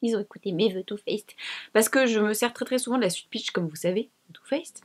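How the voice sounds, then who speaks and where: A young beauty vlogger with a mid-range voice talks fairly quickly to the camera while trying out makeup. Her chat is casual, slangy and self-mocking, picked up by the camera mic.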